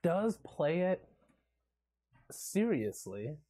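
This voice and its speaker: A man with a dark, mellow voice and a slightly husky edge talks movies in a loose, excited way. He swears freely, laughs a lot and acts out favorite lines. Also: a little high, very slow. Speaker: podcast co-host. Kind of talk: casual movie review chat.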